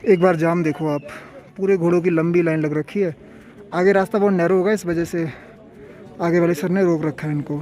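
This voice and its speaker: This male travel vlogger speaks at a normal speed in a fairly high voice with fairly even intonation. Feverish and worn out from climbing a mountain trail, he still chats with viewers and passes along friendly tips.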